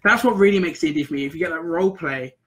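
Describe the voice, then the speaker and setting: A man's voice: a little high, rapid-fire, a bit bright. A man who runs tabletop games, rambling through game stories in casual chat and laughing often. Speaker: game master.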